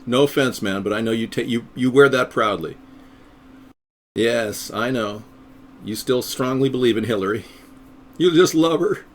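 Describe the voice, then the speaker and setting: Speaking at a moderate pace with long pauses, a middle-aged American man in a mid-range voice hosts his own live stream. He's a third-party candidate whose delivery is rambling and sardonic, broken up by silly voices.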